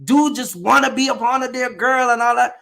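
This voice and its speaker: A Jamaican man with a Jamaican accent hosts his channel's casual podcast chat, making his points bluntly and emphatically and repeating himself. His voice is very high, gravelly, and a bit bright, and he talks a little fast.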